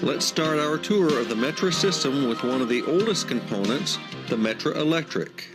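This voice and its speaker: A man narrates a documentary from a script. His voice sits at an average male pitch, and music plays clearly behind the voice-over. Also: expressive, moderate pace.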